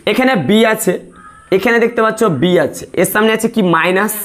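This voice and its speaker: A man's voice: high-pitched, moderate pace. A male math teacher leading a classroom lesson, asking questions and repeating the answers step by step. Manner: repetitive call-and-response questioning.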